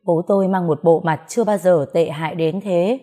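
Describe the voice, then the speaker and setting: A woman's voice: lowish voice, normal speed, warm tone. Emotional woman story narrator. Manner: emotional first-person telling.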